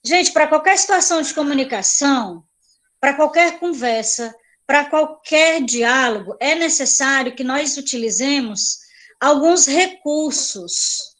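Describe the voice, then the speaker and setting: A woman's voice: sits high, fairly bright tone. A woman teacher giving an online class, explaining patiently, repeating points and checking in with her students.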